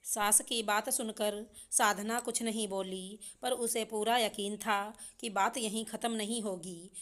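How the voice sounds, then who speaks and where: A woman narrating a family moral story in an even, plain storytelling manner. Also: medium pitch, measured pace.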